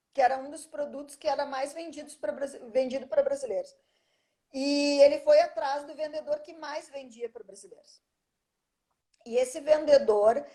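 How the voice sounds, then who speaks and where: Her voice sits high but has a dark tone as this middle-aged teacher chats as an interview guest. She spins out a lengthy story in a relaxed conversation, tossing in "né?" again and again to check in with the listener.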